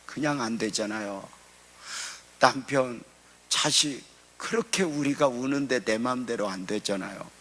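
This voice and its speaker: A middle-aged man preaching a sermon as pastor, moving between fervent raised emphasis and hushed storytelling. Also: mid-range voice, a little slow. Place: church sanctuary. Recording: long church reverb.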